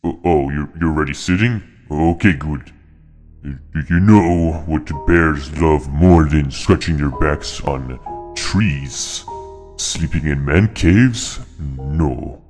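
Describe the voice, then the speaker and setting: A man voicing a scheming male bear character delivering a slow, ominous monologue for a game. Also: a bass voice, darkish tone, faint music behind. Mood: calm.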